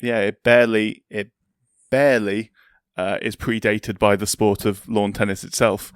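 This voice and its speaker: A man's voice: on the low side, level tone, moderate pace, clear, resonant tone, dry recording, studio quality. A man chatting casually as a podcast host. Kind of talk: casual chat.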